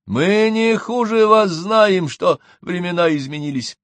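Old mother, self-pitying and fussy, high drawn-out whine, voiced by a male reader. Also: a bit bright, no echo. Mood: complaining.

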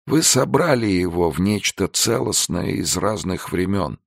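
A man's voice: sits low, expressive, measured pace, creaky, no echo, studio quality, voice pushed up, full character voice. A man voicing a grave, mournful older male institute director in a storybook reading. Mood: sorrowful.

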